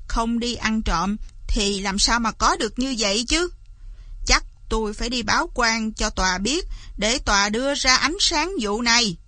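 A woman putting on a shrill, scheming landlord's wife. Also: moderate pace, dry recording. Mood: accusing. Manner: sharp-tongued, accusing.

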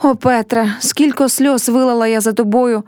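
A woman's voice: fairly high pitch, fairly even intonation, moderate pace, a little mellow, dry recording, clean studio sound, natural voice. A woman reading a play aloud and voicing a young village girl who is heartbroken and proud, speaking in a pleading, reproachful way.

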